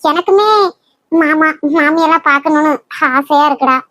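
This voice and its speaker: A woman's voice: high-pitched, steady tone, normal speed, fairly bright tone, no echo. A woman voicing a caring, fussing middle-aged mother-in-law in a cartoon. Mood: motherly. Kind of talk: cartoon voice acting.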